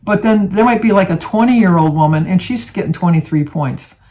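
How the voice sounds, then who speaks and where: An American vlogger in her seventies talks casually to the camera, rambling with lots of fillers and restarts. Her voice sits on the low side, mellow, at a moderate pace.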